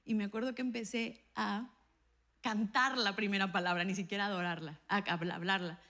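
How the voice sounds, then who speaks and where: A woman pastor preaching a sermon and telling a personal testimony, acting out the dialogue in her stories with an animated voice. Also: medium pitch, a little fast. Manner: animated storytelling, acts out dialogue with a raised voice.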